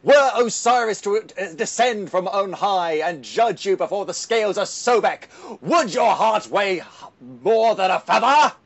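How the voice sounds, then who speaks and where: Theatrical lively male podcast host. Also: high voice, lo-fi sound. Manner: theatrical, rapid-fire jokey. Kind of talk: casual chat.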